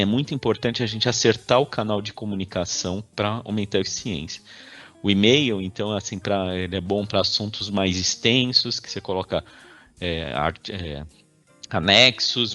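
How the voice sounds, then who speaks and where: Low-voiced Brazilian man giving a work talk. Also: moderate pace, fairly bright tone, soft background music. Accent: Brazilian Portuguese. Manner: conversational, tags sentences with frequent "né?". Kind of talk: informal workplace talk.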